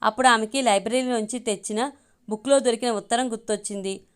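A woman reads a romance story aloud for an audio series. Her voice is smooth and clean, sitting somewhat high, and she keeps an even, unhurried storytelling pace through the narration and the quoted lines alike.

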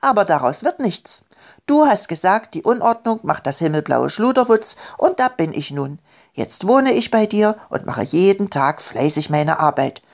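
A woman's voice: medium pitch, big pitch swings, moderate pace. Woman voicing a cheeky blue mess creature. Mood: indignant. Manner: indignant, mischievous, whiny.

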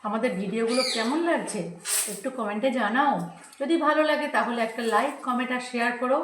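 A woman's voice: fairly high pitch, steady tone, quick pace. A woman hosting a home food vlog, chatting casually to her viewers as friends. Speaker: cooking and food vlog host. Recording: echoey room, faint noise.

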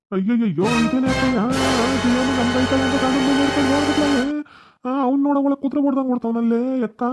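A performer voicing a panicky village man, an ex-convict fleeing, pleading quickly with a North Karnataka Kannada accent, in a cartoon comedy. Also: medium pitch, mellow, muffled recording, lightly acted.

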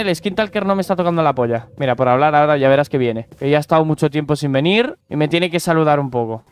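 A man's voice: on the high side, clean tone. A young man with a Spain Spanish accent, chatting casually and joking with viewers while playing a game. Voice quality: slangy, joking, talks to viewers and animals. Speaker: gaming YouTuber. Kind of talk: casual gameplay commentary.

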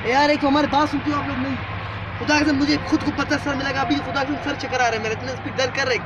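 A man's voice: extremely high pitch, little pitch movement, quick pace. A man on an outdoor ghost-hunting vlog, anxious and pleading, scolding his companion. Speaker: vlogger exploring a mountain cave. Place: outdoors on a mountain. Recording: noisy outdoor recording.

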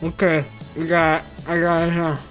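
A man's voice: on the high side, monotone, moderate pace, a bit bright, soft background music. Muffled young man with his mouth full. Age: young adult. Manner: talking with mouth stuffed full, muffled and slurred. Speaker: vlogger doing a food challenge. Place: small indoor room. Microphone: desktop condenser mic, close.

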